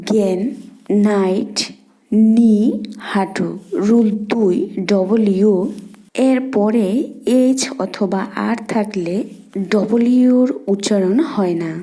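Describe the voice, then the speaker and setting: A woman teaching English pronunciation rules, reading them out in a deliberate, measured lesson style with pauses between words. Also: mid-range voice, mellow, rough recording. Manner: deliberate, word-by-word delivery with pauses. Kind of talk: slow, measured lesson narration listing rules and examples.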